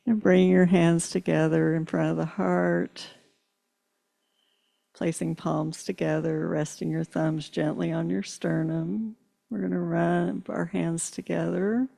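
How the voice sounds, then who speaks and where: A woman leads a guided meditation in long, soothing phrases. She speaks very slowly, with a strongly gravelly voice. Her tone is dark and mellow. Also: on the low side. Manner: slow, soothing, drawn-out phrases. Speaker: meditation leader.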